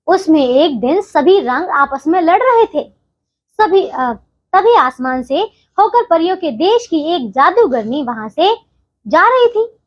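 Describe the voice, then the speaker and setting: A woman's voice: sits high, highs cut off. A woman teacher explaining a textbook story to children, checking in with them often.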